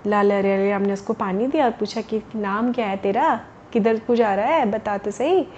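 A woman's voice: mid-range voice, moderate pace, a little mellow, dull audio, a little hiss or hum. A woman storyteller narrating a tale to children, explaining words as she goes and addressing them directly.

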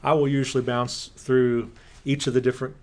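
A man's voice: medium pitch, flat delivery, a little fast. A man chatting casually as a pastor and co-host, given to joking, teasing asides. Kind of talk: casual conversation.

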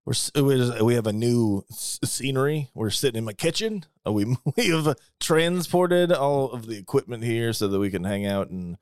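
A man co-hosting a podcast from his kitchen, making deadpan jokes and laughing often. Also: mid-range voice, moderate pace, few pauses, clean tone, no echo, clean studio sound. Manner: deadpan joking, giggly. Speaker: podcast co-host. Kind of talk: casual podcast chat. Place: home kitchen.

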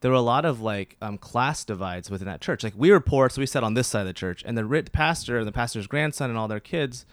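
Podcast guest, male, thirties, from Oklahoma. Rambling, full of fillers, middle pitch, dry close sound. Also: animated, quick pace, hardly any pauses, no echo. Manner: rambling, with many fillers and restarts. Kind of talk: casual conversational interview.

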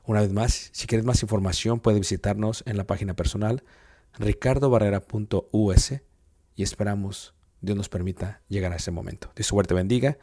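A man calmly inviting listeners to a Bible course and offering blessings. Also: lowish voice, normal speed. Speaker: class announcer. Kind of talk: promotional outro for a Bible course.

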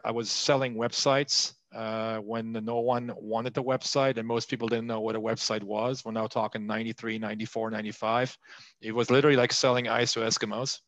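A man from France in his late forties, a guest telling his business story in a relaxed, steady way with lots of "uh" fillers over a remote call. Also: mid-range voice, no echo, muffled recording. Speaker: podcast guest, startup founder. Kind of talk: interview storytelling.

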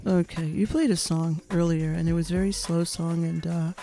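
A woman's voice: on the low side, fairly even intonation, moderate pace, warm tone, soft background music. A middle-aged woman from the United States, a singer co-hosting a radio show, chatting playfully and laughing often. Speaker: singer and co-host. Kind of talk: casual radio chat.

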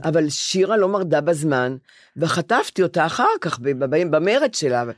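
A woman's voice: low voice, dry recording, studio quality. An older woman chatting casually as co-host, telling stories and acting out the people in them. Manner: animated storyteller, acts out voices. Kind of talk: casual chat.

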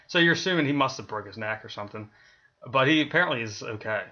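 A man's voice: medium pitch, lively intonation, fast, sharp tone, muffled recording. A man co-hosting a podcast, chatting casually, laughing often and swearing freely. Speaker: podcast co-host. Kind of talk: casual chat.

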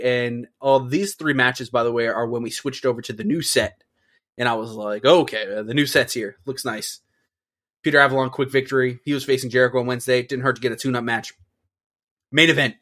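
Male podcast co-host, mid pitch, relaxed recap delivery with casual swearing. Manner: reads results with offhand swearing.

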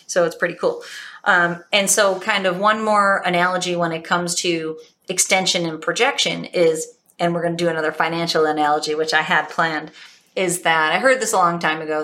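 Bright, energetic woman motivational coach. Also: on the low side. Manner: energetic, emphatic, animated storytelling. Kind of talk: motivational talk.

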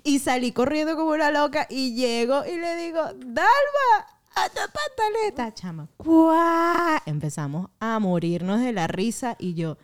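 A woman's voice: sits high, normal speed, hardly any pauses, smooth. A woman with a Venezuelan accent telling an embarrassing story in casual chat, acting out her own thoughts. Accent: Venezuelan Spanish. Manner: animated, acts out her own quoted thoughts. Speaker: co-host.

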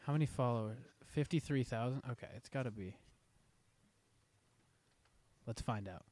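Man, podcast host, casual chat, excitable, swears, average pitch. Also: quick pace. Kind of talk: casual chat reacting to videos.

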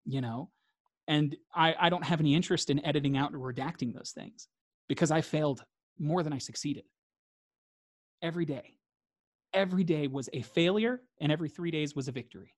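A man's voice: fairly high pitch, brisk, pauses often, dry recording, clean studio sound. A man, a guest in a reflective interview, talking earnestly and repeating phrases for emphasis.

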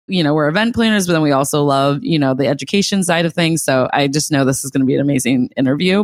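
A woman's voice: deep voice, dry recording, clean studio sound. A woman hosting an interview, enthusiastic and full of fillers like "like" and "you know". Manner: enthusiastic, says like a lot. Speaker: podcast host.

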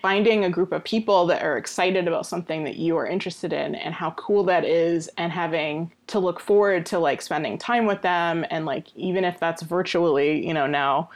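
A woman chatting as a podcast guest, talking loosely with lots of "like" and "you know" fillers. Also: fairly low pitch. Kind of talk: casual interview chat.

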